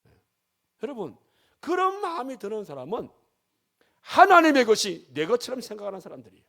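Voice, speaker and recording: Male pastor, emphatic sermon delivery; pitched high, dramatic rises and drops. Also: wildly swooping pitch, a little fast, creaky, sharp tone. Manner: emphatic preaching, voice rising and dropping sharply.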